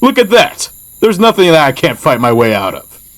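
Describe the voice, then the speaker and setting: A man's voice: a little high, huge pitch swings, moderate pace. A man voicing a proud, hot-headed cartoon echidna brawler with blustering, scornful tough-guy talk in an audio drama. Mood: furious, defiant. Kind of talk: animated audio drama acting.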